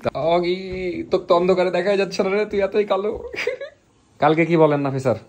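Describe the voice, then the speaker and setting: A young man, chatting as he vlogs a birthday surprise, sometimes dropping to a hush. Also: high-pitched. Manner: quick chatty, drops to a hush indoors. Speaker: vlogger. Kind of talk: casual vlog narration.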